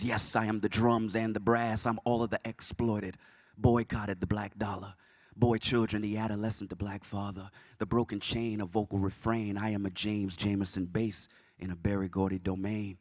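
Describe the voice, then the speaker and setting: A man from the South Carolina Low Country performing spoken word poetry in a rhythmic, chanting delivery. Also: flat delivery, normal speed, dry recording, studio quality.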